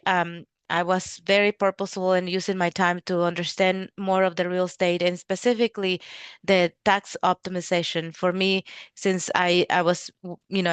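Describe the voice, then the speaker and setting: A middle-aged woman from Mexico hosting a casual webinar, talking in a halting way with many restarts and fillers. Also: lowish voice, a bit bright, clear, resonant tone, no room sound. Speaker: real estate investor hosting a webinar.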